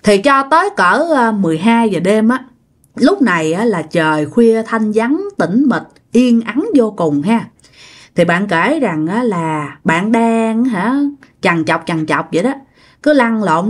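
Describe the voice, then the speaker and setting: A woman with a Southern Vietnamese accent telling a ghost story in a conversational way, repeating phrases and speaking to her listeners directly. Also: mid-range voice.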